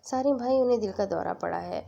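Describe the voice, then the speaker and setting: A woman's voice: mid-range voice, vocal fry, dark tone, dull audio, slight background noise. A woman voicing a trembling, pleading young brother. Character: young man, anxious, grieving brother.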